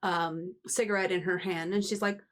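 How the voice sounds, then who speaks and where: A woman's voice: on the low side, steady tone, moderate pace, fairly bright tone. A woman narrating as game master of a tabletop game, loose and conversational.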